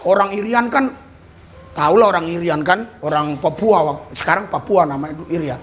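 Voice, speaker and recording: An Indonesian man preaching a sermon, telling a personal story with loud cries, low asides and laughter. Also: normal speed. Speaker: pastor.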